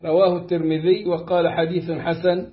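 A man reading hadith and their explanations in a slow, deliberate recitation, drawing out his phrases. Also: on the high side, little pitch movement. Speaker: hadith reader. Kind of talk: measured reading of hadith with commentary. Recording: dull lo-fi recording.

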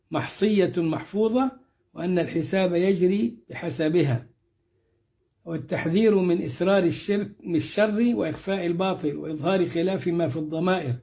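A man with a fairly high voice teaches a Quran commentary lesson, reading each verse and then unpacking it in a measured, explanatory way. The recording is dull and lo-fi. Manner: measured explanatory delivery, slows when quoting verses.

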